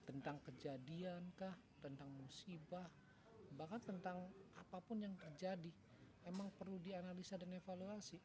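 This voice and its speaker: A father in a casual talk, telling a family story with lively, acted-out dialogue and earnest, reflective advice. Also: sits high, normal speed, crowd noise. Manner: animated, acts out family dialogue. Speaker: father and podcast co-host.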